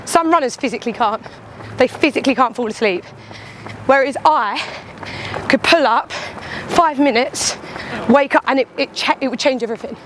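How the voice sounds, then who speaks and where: A runner and vlogger with a high voice talks to the camera at a moderate pace while jogging outside. Her casual vlog monologue is candid and lively, drifting into small imagined quotes, with faint traffic and ambient noise in the background.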